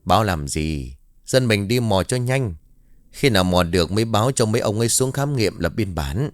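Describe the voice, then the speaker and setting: Man voicing village man, flustered, hurried, breathless. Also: on the low side, animated, no echo, lightly acted.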